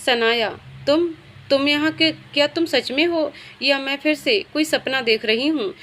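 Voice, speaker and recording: Lady voicing a weak teary young woman in a storybook, high voice. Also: a little slow, a bit bright, slight background noise. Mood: bewildered. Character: frail young woman, recovering from illness, emotional.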